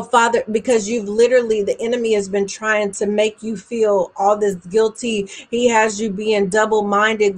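A woman ministering a prophetic word, fervent and earnest, slowing down for solemn phrases and speeding up for asides. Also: mid-range voice. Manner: earnest, fervent, with spontaneous hallelujahs; swings between slow deliberate phrases and quick asides.

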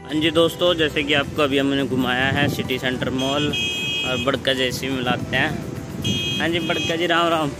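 A man's voice: medium pitch, steady tone, normal speed, over loud music, low-quality recording. A young man casually vlogging a walk through a shopping mall, talking straight to his viewers on a phone held at arm's length. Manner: chatty, addresses viewers directly. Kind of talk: casual walking-tour vlog. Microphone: phone front camera at arm's length.

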